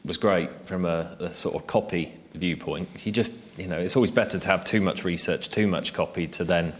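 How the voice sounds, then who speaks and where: A man, a journalist from England, telling a relaxed, self-deprecating anecdote in a stage interview, with lots of fillers and asides. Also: low-pitched, fairly quick, slight background noise. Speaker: freelance cycling journalist, interviewee. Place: festival stage interview, indoors.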